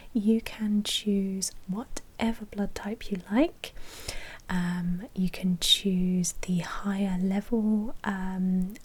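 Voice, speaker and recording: Playing the manager of a vampire blood bank, a woman keeps her ASMR roleplay soft and whispered, polite and accommodating, with customer-service courtesy throughout. Her medium-pitched voice has a breathy edge.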